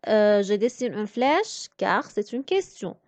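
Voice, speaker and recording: A woman teaching French reading, speaking slowly and over-articulating each word as she explains pronunciation. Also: mid-range voice, sing-song, darkish tone, no room sound. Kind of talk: reading lesson. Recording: dry, dull lo-fi sound.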